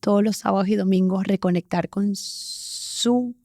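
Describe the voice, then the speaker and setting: Animated woman from Venezuela, dry studio sound. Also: mid-range voice, dry recording. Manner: animated, emphatic, talks in quick bursts. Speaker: interview guest, sports presenter. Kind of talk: candid storytelling in an interview.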